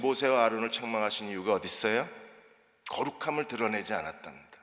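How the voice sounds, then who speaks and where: A middle-aged male pastor delivers a sermon in a church sanctuary, asking his congregation questions and acting out quotes with dramatic force. His voice is bright and forceful and sits a little high for a man. A long reverb from the church hall trails behind each phrase. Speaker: senior pastor.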